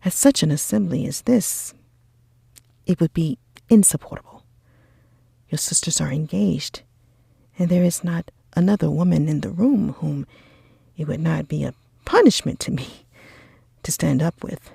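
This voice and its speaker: A woman voicing a proud, cold young gentleman in a breathy ASMR role-play of a classic storybook. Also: low-pitched, expressive, measured pace, pauses often, dry recording, studio quality, heavily acted. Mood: cold disdain.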